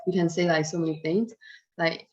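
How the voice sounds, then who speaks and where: A woman's voice: fairly low pitch, fairly even intonation, normal speed, a little mellow, dull audio. A woman from Myanmar whose first language is Burmese, speaking English as a student in a class discussion, chatty and full of fillers.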